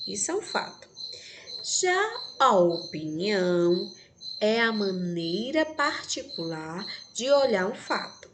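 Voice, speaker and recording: A woman's voice: medium pitch, sing-song, a little hiss or hum. A Brazilian woman teaching an online class to sixth graders, counting letters aloud and checking that students follow. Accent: Brazilian Portuguese. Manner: slow and didactic, counting aloud and checking understanding.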